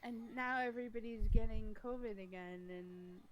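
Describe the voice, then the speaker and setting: A woman chatting casually, telling stories in an animated way and acting out what people said. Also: fairly high pitch, moderate pace, low-quality recording. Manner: animated storyteller, acts out quotes. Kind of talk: casual chat.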